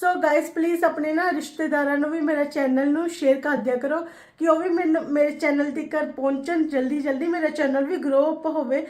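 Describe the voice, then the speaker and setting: A woman's voice: high-pitched, fairly even intonation, fairly quick, darkish tone. A woman with a Punjabi accent chatting casually to viewers in a daily vlog, mixing in English phrases. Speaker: vlogger. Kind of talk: casual chat to viewers about daily routine.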